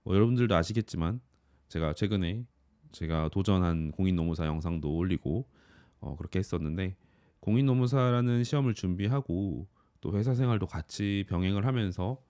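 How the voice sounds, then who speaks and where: Deep-voiced man of thirty, calm reflection. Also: brisk, no room sound. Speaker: office worker and YouTuber. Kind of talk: reflective personal monologue.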